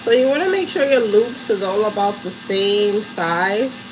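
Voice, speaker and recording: Slow-paced New York woman, noisy background. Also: mid-range voice, lively intonation. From Harlem, New York, USA. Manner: chatty, addresses listeners directly. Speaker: craft livestream host. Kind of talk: casual live craft tutorial chat with viewers.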